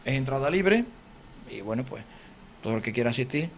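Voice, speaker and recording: A middle-aged man with an Andalusian Spanish accent, a book author talking as a guest on a local TV interview, animated, quoting himself and acting out sounds. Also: medium pitch, creaky. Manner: fast, animated, acts out quotes and sounds. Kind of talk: TV interview, casual explanation. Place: local TV studio.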